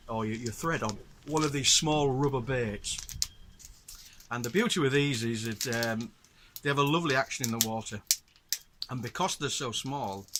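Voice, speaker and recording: Against a noisy background, a middle-aged Northern English host talks in a mid-range voice. He is patiently explaining his gear to viewers in a casual show-and-tell, his accent clearly from the north of England.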